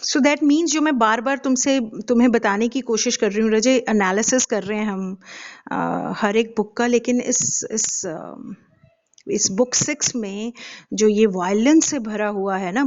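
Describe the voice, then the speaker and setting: A woman lectures slowly and carefully, stopping often on hesitant fillers and asking her class questions. Her voice sits a little high. The recording sounds dull and lo-fi. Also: darkish tone. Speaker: English literature teacher. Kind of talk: lecture mixing Hindi and English.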